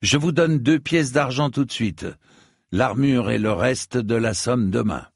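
A man's voice: medium pitch, a little slow, creaky, breathy edge, no room sound, clean studio sound, voice pushed up. A man voicing a tall young hedge knight who speaks earnestly and a little hesitantly.

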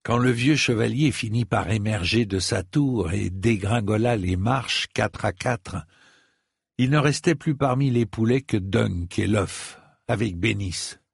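A man narrates a story with a gravelly, slightly husky voice. His reading is slow and measured, recorded close and dry. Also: on the low side, no room sound. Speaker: audiobook narrator. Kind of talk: scripted narration.

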